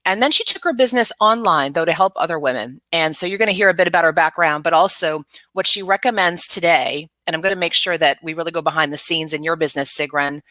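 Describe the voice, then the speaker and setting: Fast and with hardly any pauses, a middle-aged woman's low-pitched voice comes across pushed and bright, with no room sound. As host of a live online interview show, she keeps the talk upbeat and chatty and laughs a lot.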